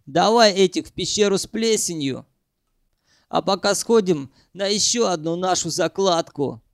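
A man's voice: high voice, expressive, moderate pace, clean tone, no room sound, clean studio sound. A man voicing a cocky, sly male gang leader who was once a chemistry student and explains things at ease. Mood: sly, explaining.

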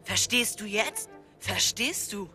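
Radio play: actress as cocky boy ringleader, bright edgy voice, mocking and bossy. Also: mid-range voice, takes it slowly, faint music behind. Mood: gleeful. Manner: taunting, bossy.

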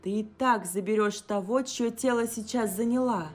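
A woman voicing a desperate young wife who shouts and pleads with a spirit, urgent and raised. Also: medium pitch, a little slow, voice pushed up, close to an everyday voice. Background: instrumental music.

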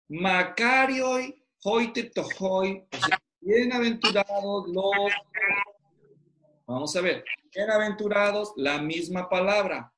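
A man teaches pastors over a video call, his voice high for a man. He keeps firing questions at his students to pull answers out of them. The room around him sounds roomy and echoey. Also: a bit bright. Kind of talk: interactive online class. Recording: roomy echo.

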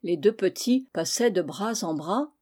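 A woman narrating a classic novel as an audiobook, with measured, clear phrasing. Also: mid-range voice, expressive, mellow. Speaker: audiobook reader.

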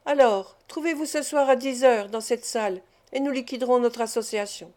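A ceremonious old Italian prince who coaxes and flatters at the roulette table, read by a woman. The voice sits a little high and stays courteous and insistent throughout the storybook reading. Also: moderate pace, lightly acted. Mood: persuasive. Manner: ceremonious, persuasive. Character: old Italian prince, smooth-talking gambler.

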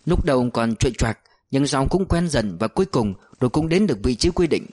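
A man narrating an audiobook in a steady, measured storytelling voice. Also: medium pitch.

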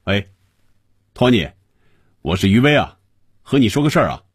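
A man's voice: fairly low pitch, very animated, normal speed, breathy edge, no room sound, clean studio sound. A man doing a smug, gloating office worker. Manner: smug, gleeful. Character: gloating office man quitting his job.

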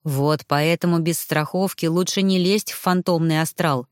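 A woman's voice: low voice, steady tone, normal speed, no echo, studio quality, lightly acted. A woman reading aloud voicing an old male ghost, a stern, instructive former mage. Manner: instructive, grim.

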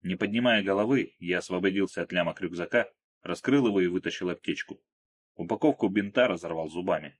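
A man's voice: low-pitched, a little fast. A man narrating an audiobook in the first person. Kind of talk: audiobook reading.

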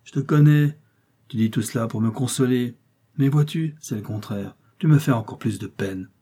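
A bitter, tearful old farmer mourns his lost master, his husky voice straining upward as grief breaks through. A man reads him aloud in a storybook reading. The tone stays dark and mellow underneath. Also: mid-range voice, moderate pace, lightly acted. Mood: sorrowful.

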